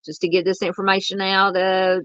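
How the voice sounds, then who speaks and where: A woman with a Southern US accent hosts a true crime livestream, pausing often with ums and uhs while she casually reads chat. Her mid-range voice stays level, a bit bright and smooth. The sound is lo-fi with no echo.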